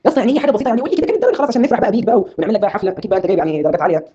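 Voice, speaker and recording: Fast Egyptian Arabic man, dull audio. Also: high-pitched, mellow, breathy edge. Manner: exasperated, pleading, insistent. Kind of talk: comedic skit dialogue.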